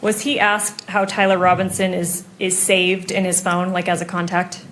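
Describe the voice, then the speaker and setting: In noisy courtroom audio, a prosecutor questions a witness. She's an American woman with a slightly bright, low voice that has little pitch movement and a normal pace, and her questioning is formal, methodical and exact.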